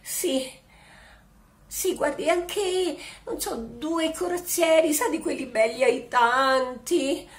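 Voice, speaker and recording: An actress playing a sly, mock-grieving widow on the phone in a comic home-theater sketch. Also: female voice, sits high, slow, reverberant. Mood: coy. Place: home, indoors.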